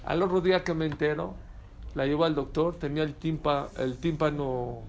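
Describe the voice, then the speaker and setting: A man's voice: on the high side, steady tone, normal speed, vocal fry, a crowd in the background. A man giving a sermon to a live audience, telling stories with rhetorical questions and Hebrew terms mixed in. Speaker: religious lecturer.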